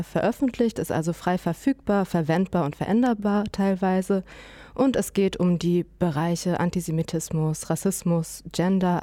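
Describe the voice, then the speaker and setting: A woman hosting and moderating a conversation, speaking in a measured way with frequent pauses and fillers. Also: lowish voice, mellow, no room sound. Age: adult, mother. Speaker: host and interviewer.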